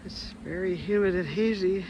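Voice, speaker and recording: A man in his fifties narrating a casual travel vlog in a fairly high voice, chatty and plain-spoken, often pausing on ums and starting sentences over. He talks outdoors, and the recording carries a clear layer of background noise. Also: highs cut off. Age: 50s. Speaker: travel vlogger. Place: outdoors at a lighthouse.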